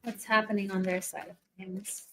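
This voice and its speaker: A woman's voice: medium pitch, level tone, normal speed. A woman giving a casual tarot reading, thinking aloud and trailing off between cards. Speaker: tarot reader.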